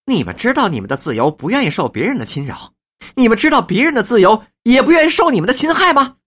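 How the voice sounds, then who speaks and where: A woman voicing a fierce, sharp-tongued older wife in a storybook reading, lecturing with scorn. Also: on the high side, very animated, quick pace, husky, voice pushed up, exaggerated voice. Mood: scornful.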